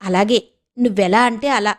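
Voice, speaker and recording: A woman's voice: medium pitch, steady tone, normal speed, natural voice. A woman voicing an affectionate, talkative older grandmother in a storybook reading. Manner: affectionate, coaxing.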